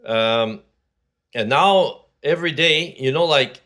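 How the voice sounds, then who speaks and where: A man's voice: medium pitch, slow pace, bright, forceful tone. Man, sixties, from Quebec, casual vlog monologue, rambling, full of fillers and restarts. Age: 60s. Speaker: vlogger.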